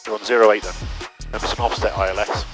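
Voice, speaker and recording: Man, instructing pilot, cockpit intercom, rapid casual chat, lowish pitch. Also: flat delivery, music in the background. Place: small aircraft cockpit in flight. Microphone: cockpit intercom headset.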